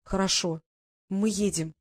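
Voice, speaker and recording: A woman's voice: medium pitch, fairly even intonation, measured pace, no echo, natural voice. A proud young English lady in an audiobook, voiced by a woman narrator speaks in anxious, agitated bursts. Her lines sound close and dry, with no room around them.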